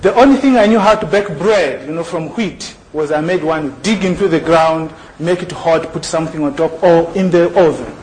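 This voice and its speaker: High-voiced preacher from Zambia. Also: male voice, normal speed, hardly any pauses, a little mellow, poor audio. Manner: call-and-response questions to the congregation. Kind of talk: sermon. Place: church hall. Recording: archived church recording with faint noise.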